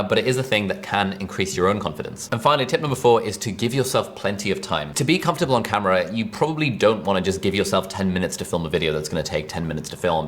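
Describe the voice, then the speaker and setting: A British man teaching an online course, talking casually and chattily to camera from a desk. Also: deep voice. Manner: relaxed, chatty, fast-talking. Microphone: mic above speaker, seated at desk.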